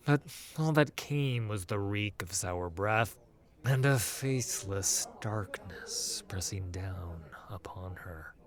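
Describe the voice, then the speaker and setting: Narrating a fantasy audiobook, a man reads the scripted prose slowly in a fairly low voice. His delivery is measured and dramatic.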